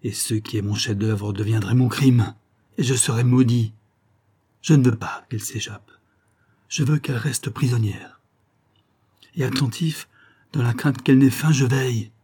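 Guy doing an obsessed botanist, feverish and proud, dark husky voice that swells into cries, audiobook style. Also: medium pitch, measured pace, long pauses. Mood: anxious obsession. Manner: exalted, declamatory, rising to cries. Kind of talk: dramatic audiobook reading.

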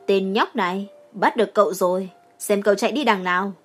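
A woman's voice: mid-range voice, steady tone, brisk, faint music behind, close to an everyday voice. A woman voicing a brash, cocky young policewoman in an audiobook.

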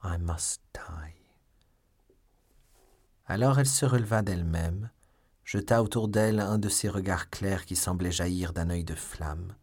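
A man reading a classic novel aloud as an audiobook, in a measured, dramatic manner. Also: low-pitched, a little mellow, husky. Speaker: audiobook reader. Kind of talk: scripted audiobook narration.

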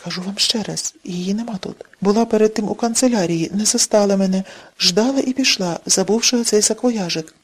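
Woman reading as a calm, steady young man. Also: sits high, brisk, slightly rough. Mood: insistent. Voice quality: level, steady.

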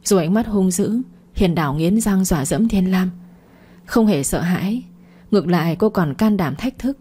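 A woman narrating a story in a steady, even manner. Her voice sits low and sounds dark and mellow. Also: normal speed, slightly rough.

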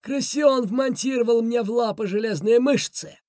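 A hoarse, menacing beaver bandit growling his threats, put on by a woman reading a storybook. His voice is rough and pushed a little lower than her own. The recording is dry with no room sound. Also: moderate pace, dark tone, no echo, natural voice. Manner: barking, threatening.

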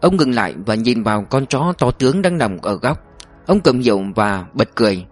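A man narrating a story with steady storytelling. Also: medium pitch, normal speed. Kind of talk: audiobook narration. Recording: dry recording with faint music. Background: faint background music.

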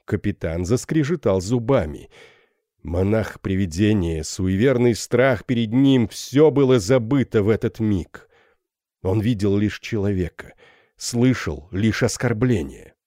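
A man narrating a classic novel for an audiobook in a steady, even storytelling manner. His voice sits low and mellow. The recording is dry and close. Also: unhurried, dry recording.

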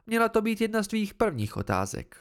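A man's voice: high voice, big pitch swings, pitched above the performer's own voice. A man voicing a stern, confident woman who teaches swordcraft, blunt and instructive in an amateur audiobook reading.

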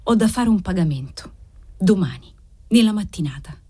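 Una donna che dà voce a un marito disperato e supplichevole. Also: female voice, mid-range voice, expressive, moderate pace, dark tone, breathy edge. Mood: pleading. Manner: pleading, breaking, self-reproaching. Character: anxious ruined husband, a man, pleading. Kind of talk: audiobook character reading.

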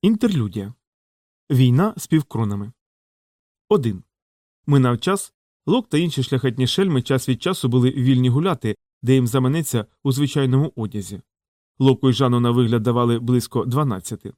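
Man narrating an audiobook, measured and even, dry close mic. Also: mid-range voice, dry recording. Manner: steady, measured storytelling. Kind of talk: scripted narration.

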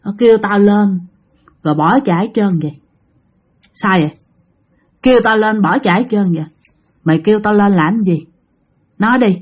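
A woman voicing a menacing female ghost risen from a grave, speaking in a deep, growling, commanding voice. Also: normal speed, pauses often, darkish tone, close to an everyday voice. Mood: scornful. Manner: threatening, commanding.

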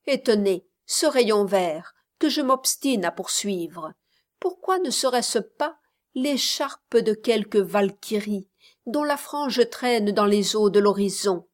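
A woman's voice: medium pitch, expressive, takes it slowly. A woman voicing a spirited, romantic young Scottish woman who speaks passionately and indignantly in a storybook reading.

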